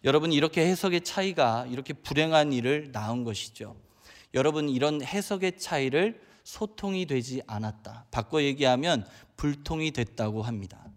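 A man's voice: on the high side, animated, moderate pace. A man from Chungcheong Province preaching a sermon, telling a humorous story and often addressing the congregation directly. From Chungcheong Province, Korea. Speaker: pastor. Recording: long hall reverb.

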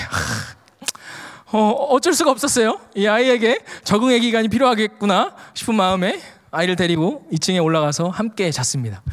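Male preacher, high voice, animated storytelling, lots of uh fillers, long hall echo. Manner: animated storyteller, acts out quotes, frequent "uh" fillers. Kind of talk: storytelling sermon.

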